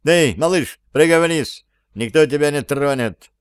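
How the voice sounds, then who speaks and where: Reader doing a pushy young guy, lifted sharp voice, smooth dry audiobook. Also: on the high side, measured pace, no echo, voice pushed up, close to an everyday voice. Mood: urgent. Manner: sharp, raised, impatient. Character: brash young man, hot-tempered hero.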